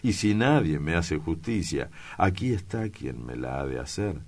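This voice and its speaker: A man voicing a hot-tempered, vengeful male priest who talks in loud, insistent outbursts. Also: low voice, lively intonation, measured pace, exaggerated voice. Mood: blustering.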